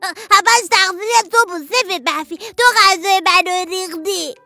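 A woman doing a whiny, high little boy rabbit. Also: creaky, fairly bright tone, faint music behind, heavily acted. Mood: pleading. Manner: whiny, sighing "ah, ah" before speaking. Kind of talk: children's storybook voice acting.

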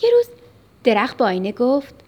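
A woman's voice: on the high side, wildly swooping pitch, lo-fi sound. A woman hosting a children's story radio show, telling a story and speaking affectionately to young listeners.

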